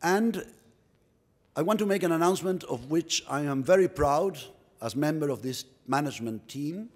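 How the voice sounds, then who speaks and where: A middle-aged company executive from Uruguay delivers a formal welcome speech in English at a podium in an indoor press room, his slightly high voice lively in intonation and normal in speed. He sounds earnest and proud, repeating words as he searches for phrasing. The podium mic picks up long hall reverb.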